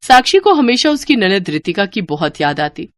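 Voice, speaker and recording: A woman narrating an animated moral story in a steady, clear storytelling manner. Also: medium pitch, normal speed, no room sound.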